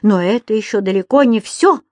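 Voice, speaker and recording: A woman voicing a stern middle-aged landlady who scolds with shrill outbursts. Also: animated, measured pace, no echo, clean studio sound. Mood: furious.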